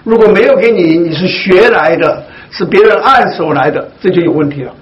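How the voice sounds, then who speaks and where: A man leading a Bible study for his congregation, speaking slowly and deliberately with many hesitant fillers. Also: high-pitched. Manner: slow, deliberate, with frequent fillers. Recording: dull lo-fi recording, faint hiss.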